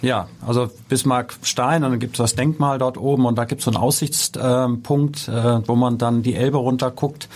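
A man's voice: mid-range voice, fairly even intonation, moderate pace, hardly any pauses, a little mellow. A middle-aged man answers interview questions in a studio. He speaks thoughtfully and stops often to hesitate with fillers. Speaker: guest, construction company executive. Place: podcast studio.

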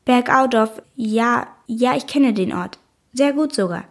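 A woman reading an audiobook, voicing a kind, somewhat awkward father who talks gently and stammers when flustered. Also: a little high, measured pace. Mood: wistful.

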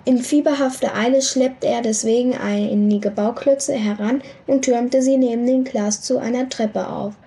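A woman reading a children's book aloud in a lively storytelling manner. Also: on the high side, moderate pace, hardly any pauses. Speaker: reader.

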